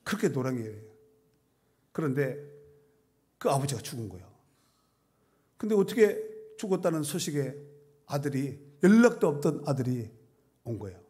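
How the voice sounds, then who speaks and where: With a warm, medium-pitched voice, this middle-aged pastor speaks at normal speed, very animated, pausing often. In the church sanctuary he delivers his sermon, sharing stories in a conversational way and building emphasis as he reads scripture.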